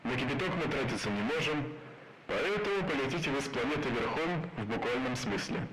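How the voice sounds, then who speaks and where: A man doing a starship captain over distorted loudspeakers. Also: medium pitch, animated, fairly quick, faint music behind. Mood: announcing. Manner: formal announcer tone with dry jokes. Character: charismatic male starship captain giving announcements. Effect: distorted voice over ship loudspeakers. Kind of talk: audiobook narration with acted voices.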